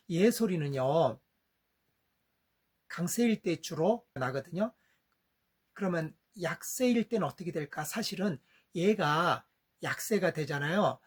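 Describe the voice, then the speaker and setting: A middle-aged man, a father, giving a patient step-by-step lesson on English vowel sounds and saying example words slowly. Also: fairly high pitch, husky.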